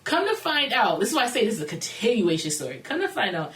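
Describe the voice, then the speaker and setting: A young woman in her twenties telling a story on a podcast in a casual, animated, slangy way, laughing as she goes. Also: on the high side, fast. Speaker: podcast guest. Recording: roomy, distant mic with faint noise.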